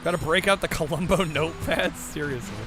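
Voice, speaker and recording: A man's voice: a little high, fairly quick, loud music behind the voice. A man giving casual gaming commentary as a livestreamer.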